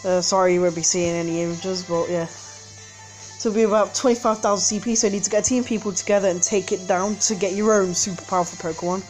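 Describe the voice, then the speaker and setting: A woman's voice: medium pitch, level tone, quick pace, a little mellow, soft background music. A woman hosting a game channel, giving casual gameplay commentary indoors at home, rambling with frequent hesitations and self-corrections. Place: indoors at home, street outside.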